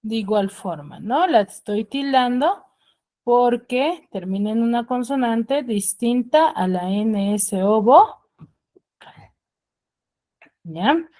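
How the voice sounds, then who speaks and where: A fairly high-voiced woman teaches over a video call, speaking slowly and carefully. She keeps checking that her students understand before moving on. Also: expressive, dark tone. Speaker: schoolteacher. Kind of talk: online class explanation.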